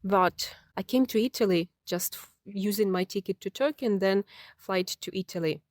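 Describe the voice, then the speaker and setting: A woman's voice: mid-range voice, normal speed, a little mellow, no echo, clean studio sound. A Ukrainian woman in her thirties, from Ukraine, telling her life story as an interview guest in a reflective way, with many fillers and restarts.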